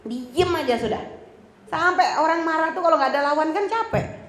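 Woman preacher, high voice, chatty and teasing, in a roomy hall. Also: expressive, moderate pace. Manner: chatty, teasing, acts out quoted lines. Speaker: religious teacher. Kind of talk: religious talk to women. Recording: roomy hall with faint ambience.

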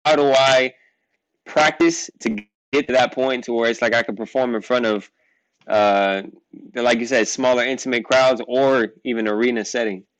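A young man whose first language is Portuguese, a rapper appearing as a guest, talks casually in an interview at a moderate pace in a mid-range, slightly bright voice. He rambles and fills gaps with "like" and "you know what I mean." The audio is poor but has no echo.

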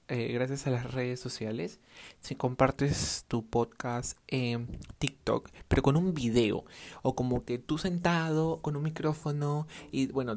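A man's voice: mid-range voice, a little mellow. A young man hosting a casual solo podcast without a proper microphone, rambling and drifting off topic. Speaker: podcast host, clothing brand owner. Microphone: no dedicated microphone.

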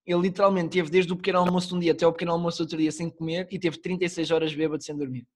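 A man's voice: fairly high pitch, little pitch movement, very fast. A young man with a Lisbon Portuguese accent co-hosting a podcast, chatting casually in heavy slang and swearing freely. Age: young adult. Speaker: podcast co-host. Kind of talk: casual chat. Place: online call.

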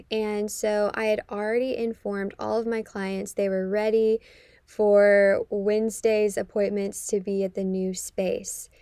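A woman's voice: mid-range voice, gravelly, mellow, no room sound, clean studio sound. A young American woman from the Midwest hosting a casual solo podcast, her voice muffled from recording inside a closet. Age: young adult. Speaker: podcast host and counselor. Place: dark closet at home.

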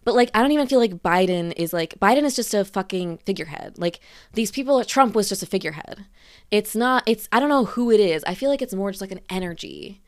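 A woman's voice: mid-range voice, expressive, brisk. A young woman ranting in a rambling, frustrated way, laughing between points and a little out of breath. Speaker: freelancer venting on camera. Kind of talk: casual monologue rant.

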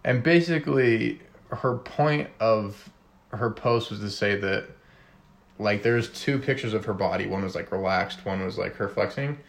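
A man hosting a laid-back chat show, talking easily with plenty of fillers. His voice sits low and has a gravelly, fried edge. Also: normal speed. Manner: relaxed, conversational, frequent fillers. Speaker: host. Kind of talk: casual chat.

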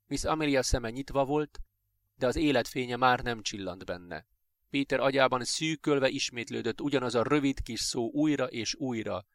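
Egy férfi felolvas egy sci-fi novellát egyenletes, kimért tempóban. Középmagas a hangja, a felvétel száraz, teremvisszhang nélküli. Nyugodt, hangoskönyvszerű előadás. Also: male voice, mid-range voice, fairly bright tone, no room sound, clean studio sound. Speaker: narrator. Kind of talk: reading a sci-fi short story aloud.

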